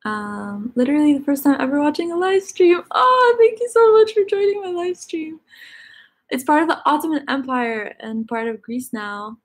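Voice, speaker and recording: Lively and at a normal pace, a high-voiced woman who grew up speaking Egyptian Arabic chats on a live stream. She reads out viewers' questions in a talkative manner, using plenty of filler words.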